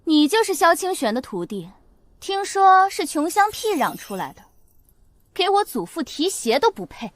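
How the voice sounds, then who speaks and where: Woman playing a scornful young alchemy prodigy, haughty, high, lively, animated fantasy. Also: moderate pace.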